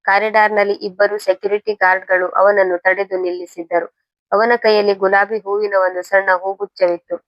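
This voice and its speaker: Flat-voiced woman reading a story. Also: mid-range voice, normal speed, no echo. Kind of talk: scripted first-person story narration. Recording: dull lo-fi recording.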